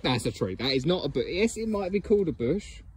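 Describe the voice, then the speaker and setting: Guy rambling on a geocaching walk vlog, mellow voice, lots of ums, bit of outdoor noise. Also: a little high, very animated, a little fast. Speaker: geocaching vlogger. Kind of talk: casual walk-and-talk vlog. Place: outdoors by a fence and bushes.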